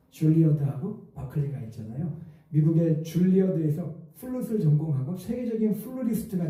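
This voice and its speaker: A man's voice: a little high, dark tone. A male pastor preaching a sermon, telling a story and acting out the voices in it with rising feeling. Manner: storytelling, acts out quoted voices with rising emotion. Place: church sanctuary. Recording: echoey hall, mic at a distance.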